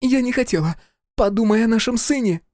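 A man voicing a scheming young noblewoman in an audiobook, in a raised, pleading, shrill voice. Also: fairly quick, a little mellow, dry recording, studio quality. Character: scheming, desperate young noblewoman, a prince's wife.

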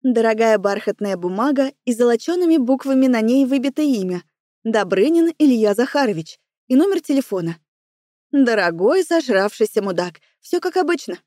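High-voiced woman narrating a story. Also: lively intonation, normal speed, mellow, no room sound, clean studio sound. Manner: wry, self-assured. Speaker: audiobook narrator. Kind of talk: first-person storybook narration.

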